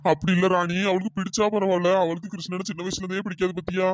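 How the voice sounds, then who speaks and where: A woman voicing a gentle, worried middle-aged father in a comic skit, talking in a soft, plain way. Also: fairly low pitch, level tone, rapid-fire, no echo, lightly acted.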